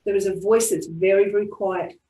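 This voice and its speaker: An Australian woman leads a group tapping session, talking in calm, repeated affirmations. Her voice sits at a middle pitch. The sound is roomy and echoey, as on an online call. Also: brisk. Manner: calm, repetitive affirmation-style phrasing. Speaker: EFT tapping practitioner. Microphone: online video call. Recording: roomy echo.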